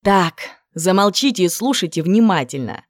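A woman voicing a cool, superior young woman who schemes and gives orders in a measured, sly way. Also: fairly low pitch, lively intonation, dry recording, clean studio sound, natural voice. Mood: scheming.

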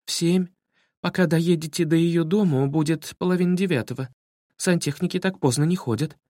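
A woman's voice: on the low side, normal speed, mellow, no room sound, studio quality, voice pushed up, lightly acted. A man voicing a fearful, superstitious girl who speaks in worried warnings. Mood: informative.

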